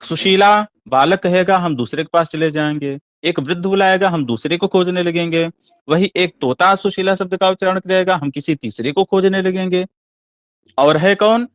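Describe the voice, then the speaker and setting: A man's voice: high-pitched, moderate pace, dry recording. Man lecturing with rhetorical questions. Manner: asks rhetorical questions and answers them himself. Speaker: Sanskrit poetics teacher. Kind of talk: explanatory lecture. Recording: dull lo-fi dry recording.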